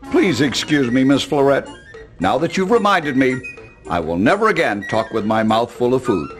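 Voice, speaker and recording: A man's voice: medium pitch, very animated, normal speed, faint music behind, lightly acted. A man playing an earnest, bumbling creature with a snout who fumbles through his problems. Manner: earnest, fumbling, eager to behave well. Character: bumbling, polite male creature with a big snout.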